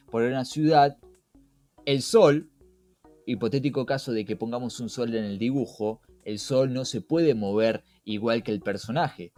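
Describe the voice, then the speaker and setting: His voice sits in the mid range with a dark tone and no echo. This Argentine-accented podcast host talks conversationally over background music, posing rhetorical questions to keep the listener engaged.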